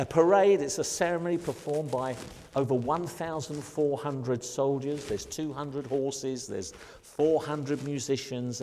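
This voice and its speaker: An older British man preaching a sermon as pastor, with an emphatic cadence that slows to stress key phrases. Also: medium pitch, a little mellow, big-room sound, slight background noise. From Britain.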